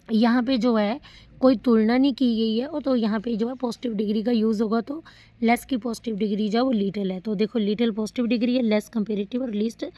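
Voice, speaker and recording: A young woman teaching English grammar in Hindi, reading example sentences slowly and calling her students beta. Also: fairly high pitch, warm tone, no echo. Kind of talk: classroom lecture.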